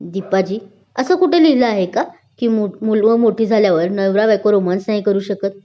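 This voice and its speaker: A woman's voice: medium pitch, normal speed, warm tone, natural voice. A woman voicing a teasing, playful young husband in a spoken story, talking with affection. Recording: dull lo-fi recording.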